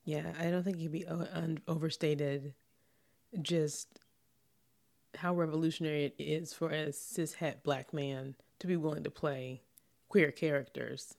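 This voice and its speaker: Co-host for a chat podcast, mid-range voice with gravel, emphatic and agreeable. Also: medium pitch, steady tone, unhurried, darkish tone. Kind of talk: casual conversation.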